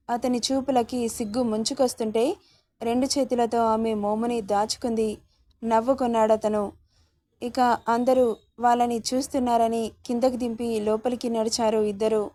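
Flat-voiced woman reading a romance story. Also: on the high side, no room sound. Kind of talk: serialized romance story narration.

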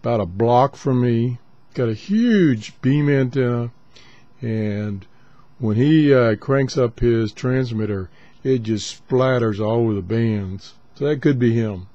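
Mellow guy casually talking to himself while tuning a radio, dull sound w static behind him. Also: medium pitch, no room sound. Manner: unhurried, muttering to himself in short phrases. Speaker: shortwave radio hobbyist host. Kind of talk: casual off-the-cuff demonstration commentary. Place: small indoor radio desk. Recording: dull camera audio with clear static noise. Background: shortwave radio static.

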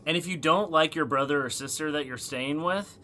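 A man's voice: fairly high pitch, a little fast, bright, forceful tone, a little hiss or hum. A man in his forties upbeat and joking as he demonstrates a bunk area in a small cruise cabin. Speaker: travel companion. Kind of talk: casual demo chat.

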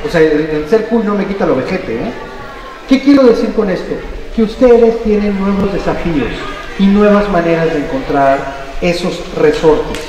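An older man with a Mexican Spanish accent gives a playful, lively talk to trainee teachers in a school auditorium, joking with the audience and acting out voices. His voice is high, animated and darkish at a normal speed. The roomy hall is captured on a distant mic with faint noise.

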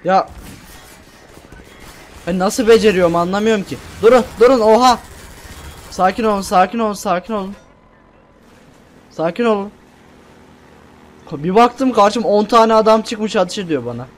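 A man's voice: high voice, moderate pace, pauses often. A young man giving casual, self-mocking commentary while playing a game, repeating words when he panics. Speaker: gameplay streamer. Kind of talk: casual let's-play commentary.

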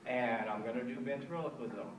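A man's voice: mid-range voice, brisk, slight background noise. A middle-aged man ventriloquist playing the earnest straight man in a stage comedy act, stammering as he restarts. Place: small theater stage. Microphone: stand mic from a far camera. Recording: echoey room from far off.

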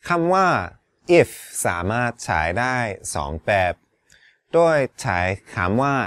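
A man's voice: medium pitch, sing-song, takes it slowly, a bit bright, clean tone, dry recording, clean studio sound. A man teaching English, explaining words and pronunciation carefully and politely.

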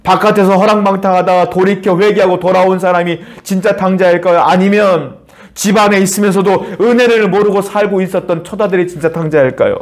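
A man's voice: high voice, steady tone, fairly quick. A man pastor preaching a midweek sermon, asking the congregation rhetorical questions and acting out quoted lines. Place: church.

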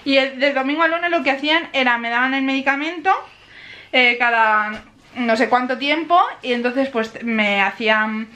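A woman's voice: high-pitched, normal speed, sharp tone. A woman in her twenties with a Spain Spanish accent, chatting casually and exclamatorily on a family vlog recorded in a bedroom at arm's length. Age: 20s. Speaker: family vlogger. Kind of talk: casual chat. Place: bedroom at home, indoors. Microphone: camera at arm's length. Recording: clear background noise, handheld home video.

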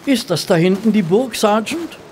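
An actor playing Dr. Watson, a genial English physician telling of a detective case in a German radio drama. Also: male voice, high-pitched, expressive, moderate pace, darkish tone, slight background noise. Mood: amazed, wry.

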